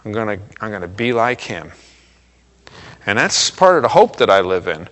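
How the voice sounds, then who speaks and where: A male pastor delivering a sermon in a conversational way, checking in with "okay?" and getting louder and higher for emphasis. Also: very animated, moderate pace. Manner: rises in pitch and volume for emphasis. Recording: long reverb of a hall.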